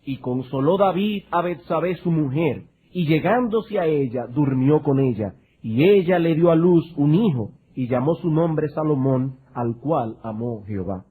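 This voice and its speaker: A man preaching a sermon, reading scripture and then urging his listeners in an emphatic style with big swings in pitch and loudness. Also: lively intonation, a little slow, few pauses, breathy edge, narrow, tinny audio. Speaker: pastor.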